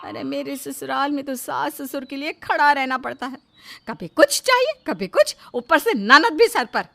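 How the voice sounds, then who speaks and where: A woman's voice: sits high, animated, moderate pace, creaky, pitched above the performer's own voice, exaggerated voice. A woman voicing a bossy, spoiled young married woman who scolds and taunts in storybook dialogue. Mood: taunting. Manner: loud, scolding, sarcastic.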